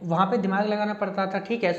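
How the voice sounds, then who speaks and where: A male math teacher, working through problems step by step in Hindi sprinkled with terms. He slows down while writing formulas and catches his own slips. The room sounds echoey and the recording is dull and lo-fi. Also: high voice, steady tone, a bit bright. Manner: corrects himself mid-line. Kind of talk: exam-prep math lecture.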